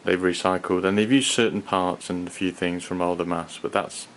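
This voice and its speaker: A man giving an unscripted hands-on product review in a hesitant, halting, rambling manner. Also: sits low, steady tone. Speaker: gas mask collector and reviewer. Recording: clearly audible background noise.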